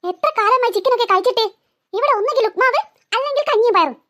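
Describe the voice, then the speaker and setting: A woman's voice: extremely high pitch, animated, fast talker, bright, forceful tone, exaggerated voice. A woman voicing hungry cartoon children who whine and complain sarcastically about their food. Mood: sarcastic. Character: hungry, whiny cartoon children, sassy and teasing. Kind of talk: cartoon voice acting.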